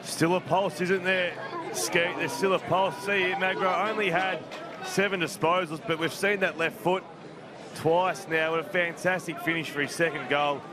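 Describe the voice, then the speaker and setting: An Australian man offers opinionated live sports analysis in a conversational way. His voice is a touch high, with a clearly audible crowd in the background. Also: fairly even intonation, normal speed. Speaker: special comments analyst. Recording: crowd behind live commentary. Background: crowd at outdoor ground.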